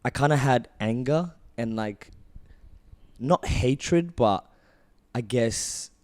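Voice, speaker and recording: A man's voice: medium pitch, slow. A man in his twenties, originally from Ethiopia, earnestly and reflectively telling his own story as a clothing brand founder on a casual podcast. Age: 20s.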